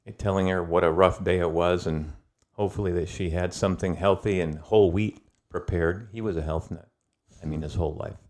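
A middle-aged man with a very deep voice gives a conversational history lesson as a podcast guest. He tells it in a thoughtful, storytelling way, pausing and searching for words. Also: steady tone. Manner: thoughtful, storytelling, with pauses and fillers.

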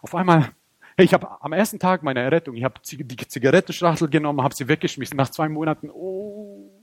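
Young man, animated sermon testimony, high-pitched, dry recording. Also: fast, dry recording. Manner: animated storytelling, acts out scenes, voice climbs when excited. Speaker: preacher.

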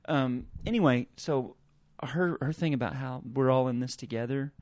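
A man co-hosting a podcast in casual chat, talking in a relaxed way with many fillers and pauses. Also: medium pitch, dry recording. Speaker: podcast co-host.

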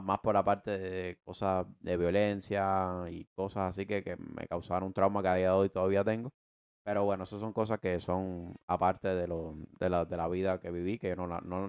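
A US man in his twenties with a Cuban Spanish accent and a low, smooth voice co-hosts a podcast on a lo-fi recording. Relaxed and slangy, he rambles through his life story with many restarts and casual asides.

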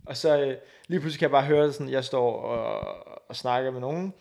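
A man's voice: medium pitch, fairly even intonation, darkish tone. A young man in his twenties with a Danish accent, co-hosting a podcast in casual chat, acting out voices as he tells stories and swearing freely. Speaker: podcast co-host. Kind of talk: casual chat, animated storytelling.

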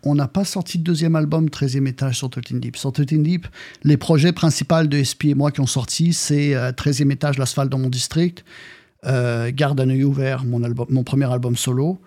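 A man's voice: medium pitch, moderate pace. A man with a French accent, a rapper guest telling stories in a casual podcast chat, with many fillers and repeats. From France. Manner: animated storytelling, lots of fillers and repeats.

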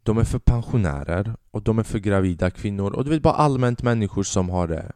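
A man's voice: lowish voice, no room sound, studio quality. A man in his twenties, a podcast host and stand-up comedian, telling rambling, profane comic stories in a casual monologue. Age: 20s. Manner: profane, rambling, animated storytelling.

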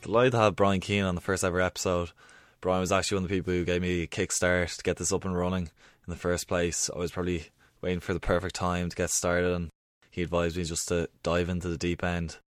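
A man's voice: deep voice, level tone, quick pace, few pauses, no echo, studio quality. A man with an Irish accent hosting a podcast, introducing and chatting in plain conversational language. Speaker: podcast host.

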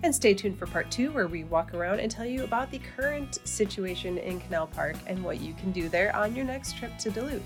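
A woman's voice: mid-range voice, expressive, fairly quick, few pauses, music in the background. A woman hosting a podcast, chatting casually and informally to her listeners. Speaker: podcast host. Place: quiet, slightly echoey rental townhome room.

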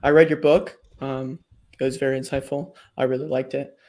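A man's voice: medium pitch, little pitch movement, fairly quick, mellow. A man around twenty asking a question on a video call, polite and hesitant with many ums. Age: 20s. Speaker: caller.

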